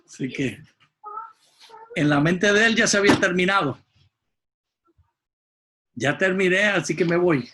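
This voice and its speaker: A man leading a class as its teacher in a conversational way, with a husky voice. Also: sits high, unhurried, long pauses, bright, forceful tone.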